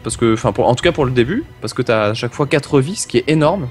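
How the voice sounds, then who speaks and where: A man's voice: medium pitch, expressive, fast talker, darkish tone, soft background music. A man giving eager game tips and explanations, chuckling often as he talks. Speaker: guest gaming expert. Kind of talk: casual gameplay commentary.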